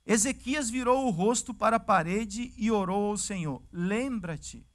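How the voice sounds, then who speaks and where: High-voiced Brazilian pastor preaching. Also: male voice, measured pace. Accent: Brazilian Portuguese. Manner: lively and conversational, acting out the scripture scenes. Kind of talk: sermon. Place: church service.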